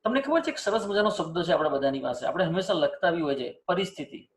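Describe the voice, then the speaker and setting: A man's voice: a little high, expressive, fast talker. A man teaching a spelling lesson, asking students questions and repeating example words to drill pronunciation. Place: teaching setup with screen and cursor.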